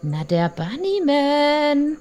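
A man's voice: sits high, sing-song, moderate pace, soft background music. A woman voicing a teasing, easygoing young adult brother who keeps joking and holding back laughter. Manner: cheeky, joking, half-suppressing laughter. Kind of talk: read-aloud horror story dialogue.

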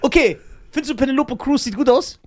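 A man's voice: extremely high pitch, a little fast, a little mellow. A man co-hosting a casual chat podcast, talking animatedly and often breaking into laughter. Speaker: podcast co-host and touring comedian.

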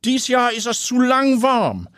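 A man's voice: extremely high pitch, big pitch swings, unhurried, fairly bright tone, no echo, clean studio sound, voice pushed up, exaggerated voice. A man voicing two gossipy older women at the beach, folksy and homely.

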